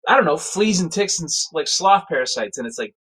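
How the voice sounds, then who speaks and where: Man, storyteller, casual anecdote, rambling, animated, filler-heavy. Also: on the high side, fairly quick, slightly rough, rough recording.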